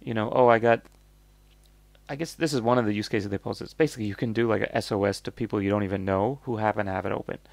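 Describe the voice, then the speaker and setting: A host who reviews crowdfunding projects offers casual, off-the-cuff commentary, hesitant and thinking aloud as he hedges. His voice is lowish, steady, fast and creaky.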